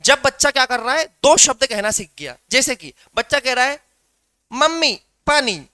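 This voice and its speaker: Male tutor, high voice, bright and crisp, live online exam-prep class, rhetorical questions, fond "beta" to students. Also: fairly quick, no echo.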